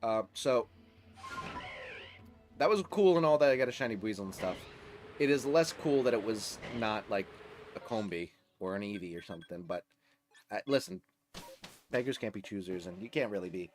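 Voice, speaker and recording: A man's voice: on the low side, expressive, moderate pace, pauses often, faint music behind. A man chatting casually on a live stream while playing a game, rambling and laughing often.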